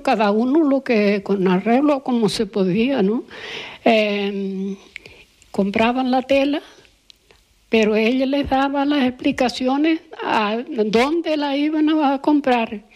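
An older woman with a Canarian Spanish accent, recalling her family's past in a halting, searching way during an oral history interview. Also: fairly high pitch, a little mellow. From La Palma, Canary Islands. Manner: halting, reminiscing, searches for words.

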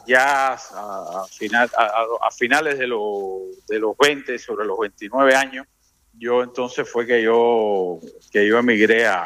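Bright-voiced halting man. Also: medium pitch. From Cuba. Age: middle-aged. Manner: halting, many restarts and fillers. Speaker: interview guest. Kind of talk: conversational interview.

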